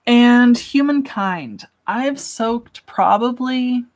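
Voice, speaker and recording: A woman's voice: on the high side, drawn-out words. A young woman hosting a casual livestream, chatting and answering questions from chat in a self-deprecating way.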